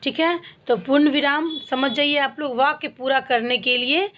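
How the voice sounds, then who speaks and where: A woman teaching a primary school Hindi class, explaining slowly and asking questions that she answers herself. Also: high voice, steady tone, dull audio. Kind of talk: online class lesson.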